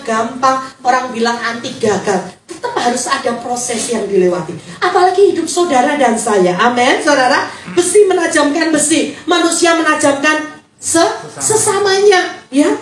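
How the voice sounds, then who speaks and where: High-voiced woman preaching in echoey hall. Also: moderate pace. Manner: lively, jokes with the congregation. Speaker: pastor. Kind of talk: sermon. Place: church hall. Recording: echoey hall, distant mic.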